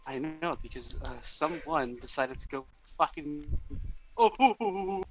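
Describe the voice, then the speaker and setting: A man's voice: on the high side, expressive, a little slow, rough recording. A young man chatting casually on a podcast voice call from home, laughing and swearing easily. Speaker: podcast co-host. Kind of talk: casual chat over a voice call. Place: at home on a voice call with a fan running. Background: faint fan noise.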